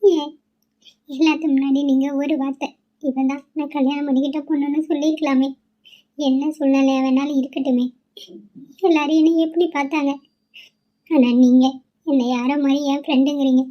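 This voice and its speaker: A woman's voice: sits high, level tone, brisk, long pauses, dull audio, lightly acted. A woman voicing a heartbroken young newlywed wife in a cartoon, speaking in a tearful, pleading way. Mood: grieving. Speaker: cartoon character voice. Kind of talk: cartoon voice acting.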